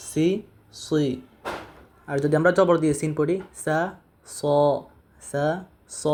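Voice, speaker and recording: A man's voice: fairly high pitch, darkish tone. A man teaching Arabic letter pronunciation in Bengali, patiently repeating each sound for learners. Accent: Bangladeshi Bengali. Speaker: Quran reading teacher. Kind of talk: step-by-step lesson on Arabic letters.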